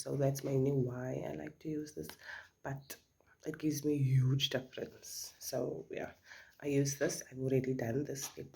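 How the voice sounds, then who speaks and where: A very deep, creaky, slightly mellow female voice comes through over slight background noise. The speaker is a middle-aged South African woman whose first language is Afrikaans, vlogging her makeup routine in South African English with relaxed chatter and frequent whispers.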